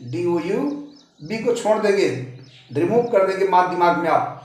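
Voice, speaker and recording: A man with a Hindi accent gives a patient pronunciation lesson in a high, carrying voice, spelling words out letter by letter. He sounds set back from the mic, and his voice rings around a very echoey room. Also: recorded from a distance. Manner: repeats points, addresses viewers as friends, spells letters slowly. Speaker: English teacher.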